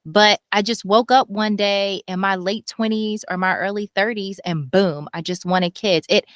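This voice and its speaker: A woman's voice: medium pitch, steady tone, normal speed, dry recording, clean studio sound. A woman in her thirties speaking as a podcast guest, earnest and candid, animating her story by acting out what people told her. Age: 30s. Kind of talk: candid conversational interview.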